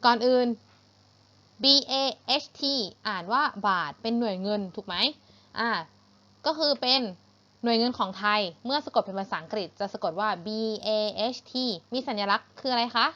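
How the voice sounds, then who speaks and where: A woman with a Thai accent teaching English to young pupils, patient and repeating each word slowly for pronunciation. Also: on the high side, a bit bright, highs cut off. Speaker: primary school English teacher. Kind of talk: online English lesson for children.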